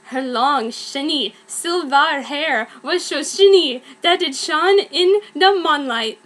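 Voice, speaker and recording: A young woman with a high, somewhat bright voice gives an amateur dramatic reading of fanfiction, reading the clumsy writing exactly as written in a slow, deliberate delivery.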